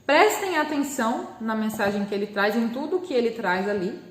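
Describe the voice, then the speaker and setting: A Brazilian woman gives a lesson to young children, patiently sounding out each word syllable by syllable. Her voice sits high. The recording carries a noticeable room echo. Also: expressive. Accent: Brazilian Portuguese. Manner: patient, slow, spells words out syllable by syllable. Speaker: primary school teacher. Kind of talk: remote class lesson.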